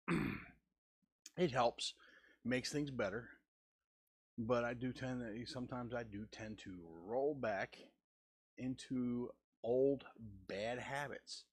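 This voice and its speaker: A husky-voiced man in his forties hosts a casual art-stream chat in a halting, deliberately lowered delivery, full of restarts and stammers. The recording is dry.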